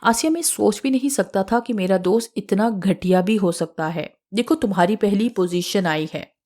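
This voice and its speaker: A woman's voice: mid-range voice, lively intonation, warm tone, lightly acted. A woman voicing a young male student, grieving and vengeful over his murdered sweetheart, in an audiobook story. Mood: earnest.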